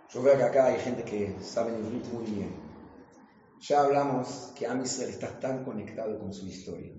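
Rabbi teaching in an echoey hall. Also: male voice, medium pitch, dark tone, a little hiss or hum. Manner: jokes and quizzes the audience with questions. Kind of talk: lively Torah class in a synagogue. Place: synagogue hall. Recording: echoey hall, dull lo-fi sound.

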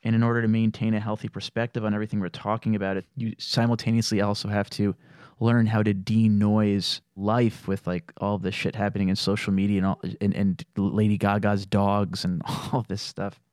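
A man's voice: lowish voice, flat delivery, fairly quick, darkish tone, clear, resonant tone, dry recording, studio quality. A man hosting a casual podcast roundtable, talking in a rambling way full of fillers and swearing. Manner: rambling, heavy on fillers and profanity.

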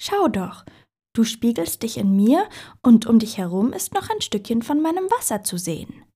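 A woman voicing a proud, boastful female puddle in a storybook reading, with a shrill, self-important voice. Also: big pitch swings, moderate pace, warm tone, husky.

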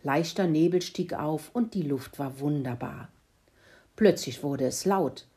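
A woman reading a children's animal story aloud in an expressive way. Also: low-pitched, measured pace, breathy edge.

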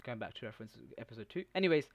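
A man's voice: medium pitch, expressive, racing, noisy background. A young man co-hosting a podcast in informal, bantering casual chat. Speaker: podcast co-host.

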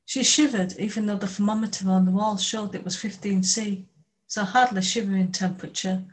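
Woman reading a novel aloud, steady and measured, medium pitch. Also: rough recording. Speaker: audiobook narrator. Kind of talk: scripted first-person audiobook narration.

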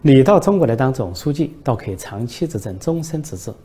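A man's voice: medium pitch, very animated, a little fast, dark tone, husky. A man voicing a bumbling male party leader who stumbles over his words and shifts blame onto others, in a satirical comedy sketch. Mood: scheming.

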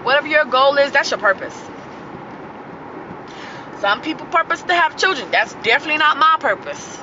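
A woman hosts her own podcast, giving a motivational talk in a casual, slangy way and laughing here and there. Her voice is high-pitched with lively intonation at a normal speed. The audio is muffled, with clear traffic noise.

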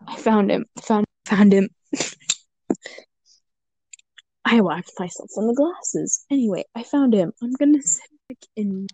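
Husky-voiced tipsy young woman, slow and laughing. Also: mid-range voice, dark tone, no room sound, poor audio. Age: young adult. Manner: laughing, profane, tipsy rambling. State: drunk. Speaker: podcast host. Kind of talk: casual podcast chat. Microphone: desk microphone.

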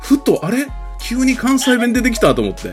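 A man's voice: very high voice, wildly swooping pitch, over music. A male podcast host from the Kansai region of Japan, chatty and effusive in a friendly interview. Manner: chatty and effusive, quick reactions.

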